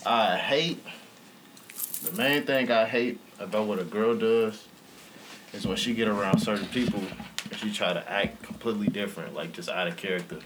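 A young man from Chicago, a guest in a casual podcast chat, talking in low-key asides. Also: moderate pace, background noise.

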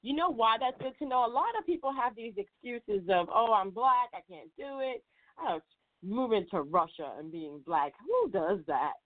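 A woman's voice: a little high, lively intonation, normal speed. A woman hosting a radio podcast, talking in a chatty, casual way as she leads an interview. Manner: chatty, frequent fillers and restarts. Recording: tinny phone-like audio.

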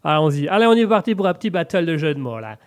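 A man's voice: a little high, very animated, fast. A man with a cold hosting a live radio and Twitch show, upbeat, reading out viewers' chat comments. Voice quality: congested, stuffy. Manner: upbeat, reads out chat comments, lots of restarts. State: has a cold.

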